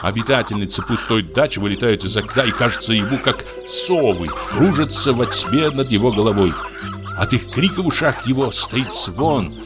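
A man calmly narrating a story in an audiobook, in a measured way. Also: lowish voice. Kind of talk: audiobook reading. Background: music.

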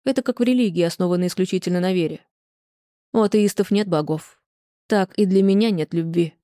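An audiobook reader voicing a tired, guarded woman turning away her ex-husband, calm and restrained. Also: lowish voice, a little fast, no room sound, clean studio sound, natural voice. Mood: weary.

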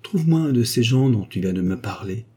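A man's voice: medium pitch, animated, fairly quick, darkish tone, breathy edge. A man voicing a proud young duke who has ruined himself, speaking in an agitated, indignant way in a read-aloud novel.

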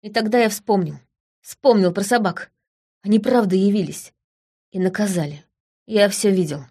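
A woman voicing a hurt young village man who confesses haltingly and repeats himself. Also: medium pitch, warm tone, breathy edge, lightly acted. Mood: confessing.

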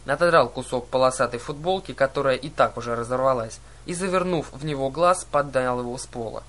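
A man narrating an audiobook in a lively, expressive reading. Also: mid-range voice, fairly quick. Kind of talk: scripted narration.

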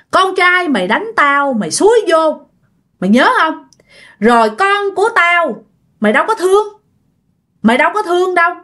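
A woman voicing a vengeful dead woman's ghost that speaks through a possessed woman, shrill and taunting. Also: a bit bright, exaggerated voice.

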